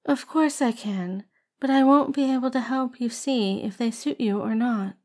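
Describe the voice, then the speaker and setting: A woman reading an audiobook and voicing a kind, patient young man who speaks softly and soothingly. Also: on the high side, moderate pace, voice pushed up, close to an everyday voice. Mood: gentle. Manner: soft, calm and soothing.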